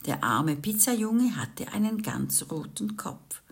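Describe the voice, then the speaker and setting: A woman reading a children's book aloud in a lively way, with chatty asides to young listeners. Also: medium pitch, takes it slowly, creaky, slightly rough. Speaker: storyteller.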